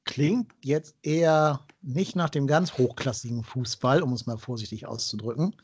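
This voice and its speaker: A man's voice: mid-range voice, normal speed, darkish tone, husky. A man hosting a podcast in a chatty, conversational way, speaking directly to his listeners. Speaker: podcast host.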